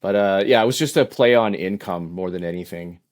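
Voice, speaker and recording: A Canadian man in his fifties answers questions as a podcast guest in a casual interview. His low voice is easygoing and halting, with many "uh"s and restarts.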